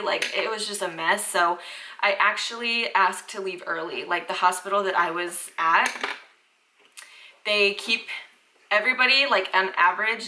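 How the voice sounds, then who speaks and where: A woman's voice: medium pitch, background noise. A young woman, chatting casually to camera as a parenting vlogger, filling her talk with "like". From Southern United States. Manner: chatty, fills talk with "like" and "freaking".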